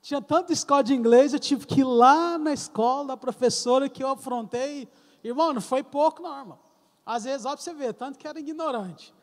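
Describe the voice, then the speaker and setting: A man's voice: very high voice, a little fast. A middle-aged Brazilian man with a Brazilian accent, preaching a sermon testimony. He tells his story, calls the congregation brothers and acts out the dialogue. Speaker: church elder preaching. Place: church sanctuary. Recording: reverberant church hall.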